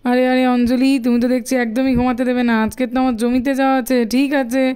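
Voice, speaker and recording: A woman's voice: high voice, flat delivery, quick pace, warm tone, clean tone, voice pushed down, natural voice. A woman voicing a lazy, grumbling village husband who farms, in a doll cartoon. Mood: sleepy grumbling. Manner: lazy, complaining.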